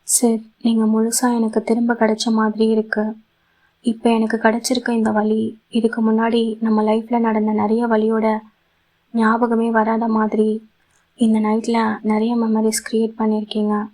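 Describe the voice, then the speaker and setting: A woman voicing an emotional young wife in a romantic audio story, soft and pleading. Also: on the high side, completely flat delivery, unhurried, close to an everyday voice, low-quality recording.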